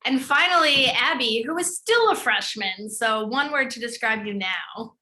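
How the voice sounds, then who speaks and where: A woman's voice: a little high, lively intonation, a little slow, bright, forceful tone. A middle-aged woman from the Chicago suburbs, hosting an online open house as student programs director, with an upbeat, chatty delivery full of fillers. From northern suburbs of Chicago.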